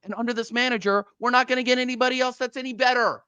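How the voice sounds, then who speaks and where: A man's voice: extremely high pitch, steady tone, very fast, bright, forceful tone, clean tone, no room sound. A man venting as a guest in a fan debate, blunt and sarcastic about his team. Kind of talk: heated football fan debate.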